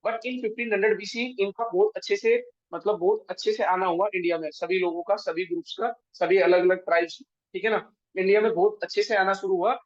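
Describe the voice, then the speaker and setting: A man's voice: high voice, steady tone, a little fast, hardly any pauses. A man with an Indian accent giving a history lecture for exam prep, switching between Hindi and English and often checking in with his students. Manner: mixes Hindi and English, checks in with frequent tag questions. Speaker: history teacher. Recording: dull, dry lo-fi sound.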